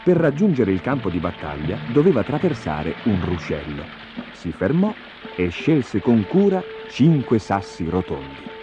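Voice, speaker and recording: A man narrating a story in an expressive, animated storybook style. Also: lowish voice, moderate pace. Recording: dull lo-fi recording with music. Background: music.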